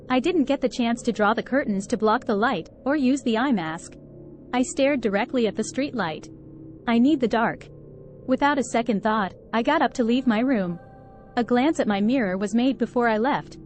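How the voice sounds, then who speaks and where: A woman with a fairly high voice narrates a first-person horror story. Her delivery is tense and dramatic. Quiet music plays underneath. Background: faint background music.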